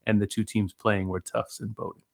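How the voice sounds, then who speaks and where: A man's voice: lowish voice, little pitch movement, fairly quick, vocal fry. A man from Massachusetts co-hosting a casual sports podcast, playful and joking as he runs a quiz. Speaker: podcast co-host.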